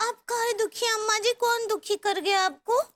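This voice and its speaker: An actress in a TV sitcom voicing a naive young housewife who speaks slowly and innocently. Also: female voice, extremely high pitch, fairly even intonation, a bit bright, no room sound, studio quality. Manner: slow, sing-song, innocent.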